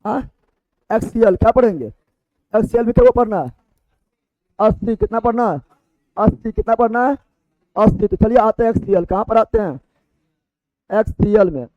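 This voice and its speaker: A man's voice: high voice, moderate pace, pauses often, no room sound. A man teaching a lesson, speaking with a tinge and drilling terms over and over by question and answer. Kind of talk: call-and-response classroom lesson. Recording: dry, dull lo-fi recording.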